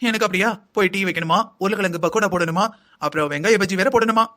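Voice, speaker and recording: A man's voice: high-pitched, fast talker, pushed and bright. A man voicing a lazy, scheming young wife in a cartoon, whining and complaining in long sing-song lists. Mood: sly. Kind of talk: cartoon voice acting.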